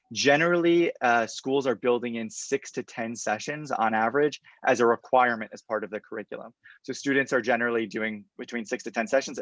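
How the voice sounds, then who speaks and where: A man in his thirties gives a confident startup pitch on a video call. His voice sits at an average pitch with very little room sound. He lays out his answers in an orderly way, point by point. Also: a bit bright, no echo. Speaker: startup founder answering judges' questions. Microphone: computer mic on a video call.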